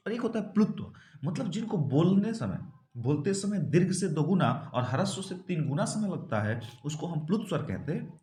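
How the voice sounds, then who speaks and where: A man's voice: fairly high pitch, dark tone, reverberant. A man teaching an exam-prep grammar lesson, explaining step by step and asking and answering his own questions.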